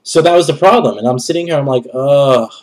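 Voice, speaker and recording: A young adult guy with a cold talks fairly quickly at a medium pitch, his voice congested and nasal. Sitting in a small indoor bedroom, he gives his gaming channel a loose, rambling update straight to camera.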